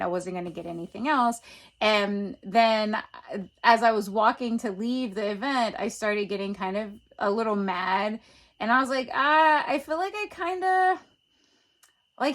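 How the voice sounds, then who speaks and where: A woman chatting in a casual vlog, excitable and full of casual slang. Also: mid-range voice. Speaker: reptile keeper vlogger. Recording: noisy background ambience.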